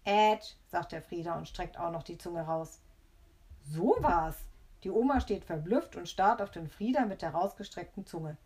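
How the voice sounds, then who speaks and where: A woman reading a children's story aloud in a lively, expressive way. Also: lowish voice, brisk, few pauses.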